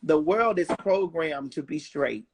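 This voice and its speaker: A woman's voice: deep voice, expressive, measured pace, background noise. A woman in her forties giving an interview in a blunt, emphatic, profane way. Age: 40s. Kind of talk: casual interview chat.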